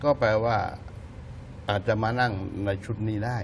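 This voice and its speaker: Male news panelist, playful explainer, relaxed chat, faint noise. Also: medium pitch, moderate pace. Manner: playful, explains with everyday comparisons. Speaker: news talk show panelist. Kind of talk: casual political news chat.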